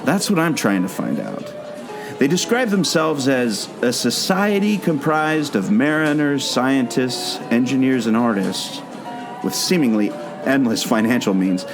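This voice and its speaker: Gravelly and very animated, this man's medium-pitched voice moves unhurriedly as he earnestly explains a mystery, storyteller-style, guiding the listener. A former theme park skipper turned podcast co-host, he performs in a scripted audio play over plucked guitar music.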